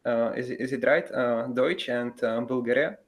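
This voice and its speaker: A man in a festival audience asks the director a question. His voice sits in the middle range. He speaks hesitantly and pauses to search for words. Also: mid-range voice.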